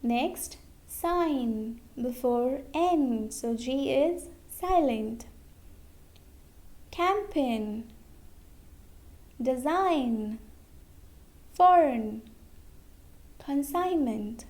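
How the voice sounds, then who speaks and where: A woman with a fairly high, mellow voice teaches English pronunciation at a very slow, deliberate pace. She repeats each example word and checks in with a frequent okay. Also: lively intonation. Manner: slow, repeats words, says okay often. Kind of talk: slow explanatory lesson.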